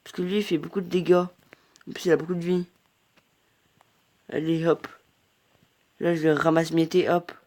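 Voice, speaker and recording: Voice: medium pitch, little pitch movement, moderate pace, pauses often, a little mellow. Rambling mobile gamer commenting on play. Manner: rambling, hesitant, reacting aloud to the game. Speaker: mobile game player. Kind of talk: casual gameplay commentary.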